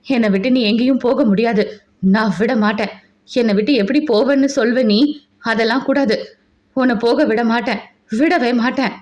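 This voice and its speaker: A woman's voice: a little high, fairly even intonation, normal speed, darkish tone, lightly acted. A woman voicing a possessive young husband. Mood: desperate. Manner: coaxing, then desperate and insistent. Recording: dull lo-fi recording.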